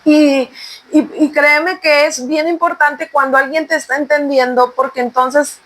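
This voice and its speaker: A woman's voice: high voice, fairly even intonation, a little slow, fairly bright tone, low-quality recording. A woman sharing a personal faith testimony in an earnest, conversational way and urging listeners directly. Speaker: podcast co-host sharing testimony.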